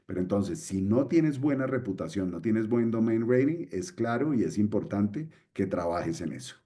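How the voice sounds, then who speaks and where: A man's voice: lowish voice, animated, moderate pace, warm tone. A middle-aged man presenting a webinar, explaining step by step and repeating his key points. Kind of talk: screen-share webinar explanation.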